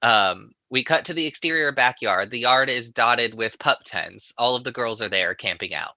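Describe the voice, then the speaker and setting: A man's voice: mid-range voice, moderate pace, pushed and bright, dry recording, highs cut off. A man narrating stage directions in a live screenplay reading.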